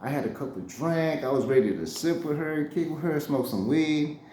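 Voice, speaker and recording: A man's voice: on the high side, animated, moderate pace, darkish tone, slight background noise. A man around forty telling a story in casual slang, laughing often and acting out what people said. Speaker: storyteller, channel host. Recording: roomy echo.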